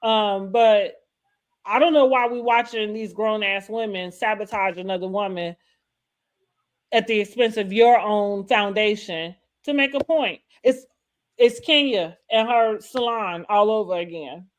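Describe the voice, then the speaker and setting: A woman's voice: mid-range voice, unhurried. A woman co-hosting a casual, opinionated recap chat, rambling and often restating her points mid-thought. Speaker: co-host of a reality TV recap show.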